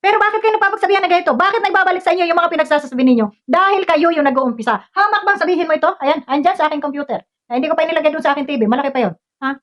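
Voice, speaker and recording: A woman's voice: sits high, very fast, hardly any pauses, fairly bright tone. A woman ranting at a commenter, scolding and confrontational, firing off rhetorical questions. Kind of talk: heated commentary rant. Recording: dull lo-fi recording.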